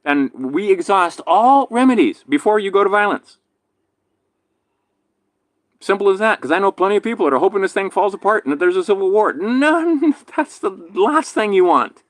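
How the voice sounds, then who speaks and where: A man from Hawaii with a slight lisp from a damaged tooth, rambling through a casual monologue, swinging between loud emphatic bursts and low mutters. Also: sing-song, moderate pace, dry recording. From island in Hawaii. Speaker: vlogger.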